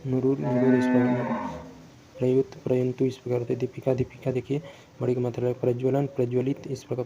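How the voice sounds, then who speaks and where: A man repetitively explains Hindi spelling word by word for exam prep, frequently correcting himself as he goes. His voice is medium-pitched, and the sound is lo-fi.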